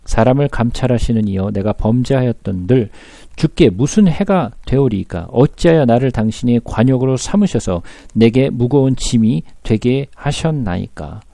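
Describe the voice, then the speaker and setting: A man with a gravelly, dark voice reads scripture at an unhurried pace. Between passages he explains the text, his pitch rising and falling as he checks in with listeners through rhetorical questions. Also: lively intonation, dry recording. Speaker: Bible teacher. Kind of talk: scripture reading with commentary.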